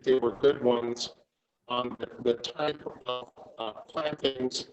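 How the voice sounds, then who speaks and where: Brief: man, property owner on a video call, halting and filler-heavy, audio dull, buzzy, breaking up. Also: medium pitch, steady tone, faint music behind. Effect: breaking up, freezing video-call audio. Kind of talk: video-call board meeting. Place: hotel business office.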